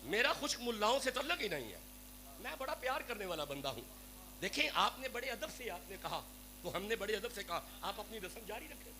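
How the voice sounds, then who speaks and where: A Punjabi-accented Pakistani man delivers a fervent sermon, pleading with his listeners. His voice sits high and gravelly. The live recording is noisy with a steady hum. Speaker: Sufi preacher. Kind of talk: devotional sermon to a gathering.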